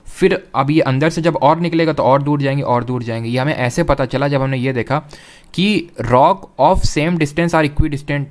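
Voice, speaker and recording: A young adult man teaching an exam-prep geography lecture, explaining step by step, mixing in English terms and often checking whether students follow. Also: mid-range voice.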